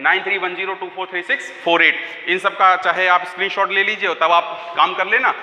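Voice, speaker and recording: A male school teacher with a Hindi accent teaching a grammar lesson, slowly repeating each sentence aloud for his students. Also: high-pitched, little pitch movement, sharp tone. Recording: echoey room, long reverb.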